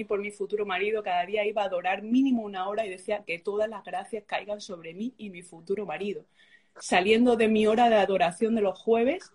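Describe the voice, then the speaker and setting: A young woman giving a personal testimony, storytelling with emotion and acting out the dialogue she quotes. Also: medium pitch. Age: young adult. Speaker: guest sharing a conversion story.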